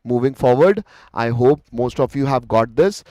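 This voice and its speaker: A man with an Indian accent leads a live online revision class as a teacher. His voice sits at an average pitch and is recorded dry and close. He coaches his students directly and encouragingly, sprinkling Hindi words through his English. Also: lively intonation, moderate pace, dark tone, no echo. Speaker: chemistry teacher.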